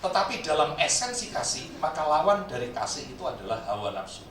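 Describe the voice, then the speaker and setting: A man's voice: fairly high pitch, fairly quick. A man preaching a sermon in a church, telling jokes and stories as he addresses the congregation. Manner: animated, joking storyteller addressing the congregation. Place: church service hall. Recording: very echoey hall, distant mic, faint noise.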